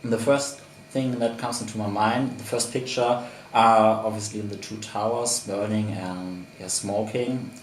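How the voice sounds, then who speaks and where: A man in his twenties with a German accent, describing a memory in English slowly and deliberately. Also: lowish voice, fairly even intonation, a little hiss or hum. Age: 20s. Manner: slow and deliberate. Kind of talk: personal recollection. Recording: echoey room.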